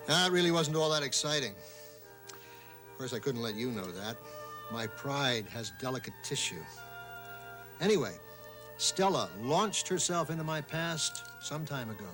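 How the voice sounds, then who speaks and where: A man's voice: medium pitch, lively intonation, unhurried, long pauses, over music, natural voice, low-quality recording. Man acting an earnest middle-aged divorced father. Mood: measured, rueful. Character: proud, nostalgic divorced father, earnest and wistful. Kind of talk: television drama acting.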